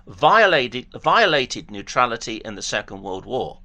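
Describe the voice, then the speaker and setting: A man's voice: medium pitch, very animated, measured pace, sharp tone. A man hosting a heated debate with a caller, pressing him with references. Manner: pressing, argumentative, quotes references.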